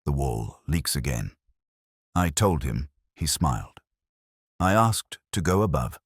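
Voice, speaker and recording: An extremely low, husky male voice carries this first-person detective narration, very animated and expressive in pitch while keeping the brooding, measured tone of a weary, introspective investigator. He speaks in short literary phrases, recorded dry and close without echo.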